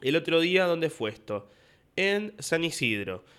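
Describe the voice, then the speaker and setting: A man's voice: fairly high pitch, very animated, a little slow, fairly bright tone, clear, resonant tone. A young man with a Rioplatense Argentine accent talks in a loose podcast monologue. He is a stand-up comedian who recounts stories from his shows and slips into voices for the people he met. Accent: Rioplatense Spanish. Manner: storytelling with acted-out dialogue.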